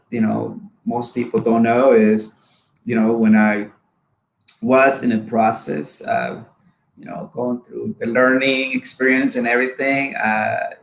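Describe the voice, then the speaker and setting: A man's voice: medium pitch, gravelly, reverberant, poor audio. A man in his forties from Honduras, speaking English with a Spanish accent, earnestly telling his life story as a guest with frequent fillers. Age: 40s. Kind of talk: personal storytelling.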